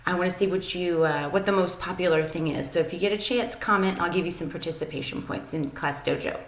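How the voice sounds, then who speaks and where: A woman's voice: lowish voice, fast talker. Chatty woman teacher, echoey room. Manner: upbeat, chatty, many ums. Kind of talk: daily video lesson for young students.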